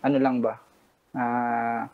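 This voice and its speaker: A man in his twenties from the Pampanga region, calling in to a late-night radio show and politely, calmly recounting a personal confrontation while quoting what others said. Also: mid-range voice, slow pace, narrow, tinny audio. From Pampanga, Philippines. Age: 20s. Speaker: caller.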